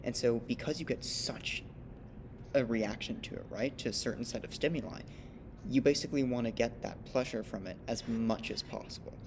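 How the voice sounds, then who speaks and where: Man, medium pitch, explanatory casual talk, noticeable background noise and rumble. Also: normal speed. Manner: thoughtful, explanatory, many "right?" tags. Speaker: podcast co-host. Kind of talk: casual discussion.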